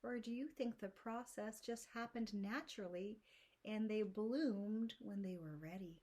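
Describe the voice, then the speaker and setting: A woman teaching an art lesson in a slow, soothing manner, drawing out her words and often dropping into soft breathy whispers. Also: medium pitch. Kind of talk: slow, calm lesson talk to children.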